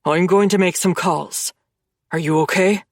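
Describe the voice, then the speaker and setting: A woman's voice: fairly low pitch, fairly even intonation, a little slow, no room sound, clean studio sound. A woman voicing a grim, protective male uncle who speaks in a clipped, firm way.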